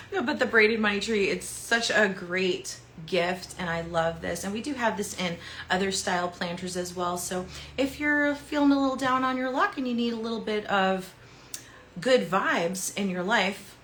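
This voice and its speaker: A woman's voice: medium pitch, fairly bright tone, a little hiss or hum. A chatty woman hosting a live sales stream for a plant shop, playful and bubbly as she shows off plants. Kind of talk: casual live-stream selling.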